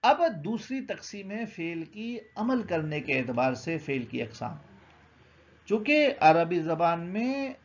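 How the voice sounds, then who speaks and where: A man teaches a grammar lesson with a gravelly, slightly raised voice. He explains step by step and answers his own questions. The recording sounds muffled and lo-fi. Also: fairly high pitch, very animated.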